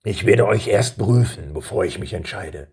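A man's voice: sits low, animated, a little mellow, husky, full character voice. A man voicing an old king who halts and hems through his ceremonious speeches to his two sons. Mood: solemn. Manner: halting, ceremonious speeches full of pauses.

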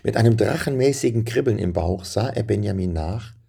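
A man calmly reading a storybook aloud as a scripted narration. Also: lowish voice, brisk, vocal fry, husky.

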